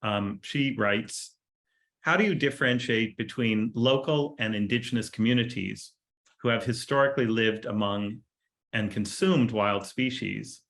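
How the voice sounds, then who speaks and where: A man's voice: on the low side, fairly bright tone. A man moderating an interview who reads out audience questions and speaks hesitantly, with many ums. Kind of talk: moderating a conversation.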